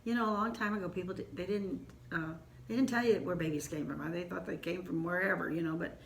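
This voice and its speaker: An older woman with an Ozark accent telling a family story in an unhurried, homespun way, with asides. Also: fairly low pitch, steady tone, reverberant, slight background noise.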